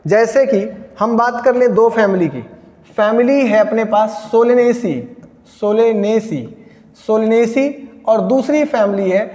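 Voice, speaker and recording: A man's voice: high-pitched, takes it slowly, a little mellow. A male biology teacher giving a classroom lecture, repeating key terms and quizzing his students. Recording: echoey room with long reverb.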